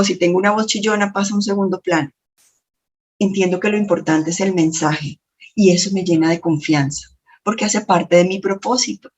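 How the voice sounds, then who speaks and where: Speaking to camera in a motivational lesson, a woman coach and lecturer has a slightly shrill yet husky voice. She tells stories expressively, peppered with plenty of self-talk.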